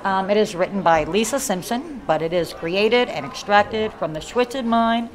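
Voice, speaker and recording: Her mid-range voice is expressive and moves at a moderate pace as this middle-aged Kentucky woman, a visiting paranormal investigator, chats loosely in a live interview. She rambles, restarts often and leans on fillers, all recorded live at a haunted hotel event with a crowd murmuring behind her.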